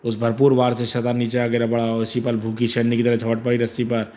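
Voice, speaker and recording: A man's voice: medium pitch, monotone, brisk, darkish tone. A man narrating a horror comic with dramatic emphasis.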